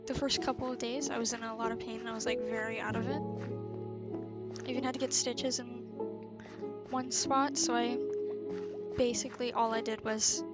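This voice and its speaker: Speaking at a moderate pace with frequent pauses, a young woman in a level, fairly high voice narrates her gameplay for a video. Her casual chat rambles along informally and modestly, with background music underneath.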